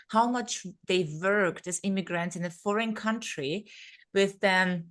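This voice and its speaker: With a medium pitch and fairly bright tone, this thirty-something podcast guest shares personal stories in a conversational way. Born in Serbia, she's from Vienna, Austria, and works as a speaker and coach.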